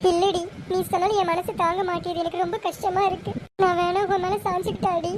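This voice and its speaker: Woman voicing a weepy, pleading bride-to-be, high voice, crying, hissy home take. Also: a little fast. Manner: sobbing, pleading. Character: tearful, anxious young bride-to-be. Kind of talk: amateur serial drama.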